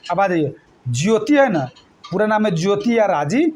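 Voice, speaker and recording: High-voiced teacher drilling a class. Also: male voice, big pitch swings, normal speed, darkish tone, a little hiss or hum. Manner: drills students with call-and-response questions; repetitive mnemonic chanting. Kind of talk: classroom exam-prep lesson.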